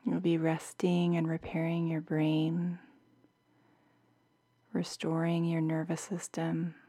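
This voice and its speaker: A woman guiding a bedtime meditation in a soft, soothing, half-whispered voice, like a sleep story narrator. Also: low voice, monotone, takes it slowly. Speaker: meditation guide.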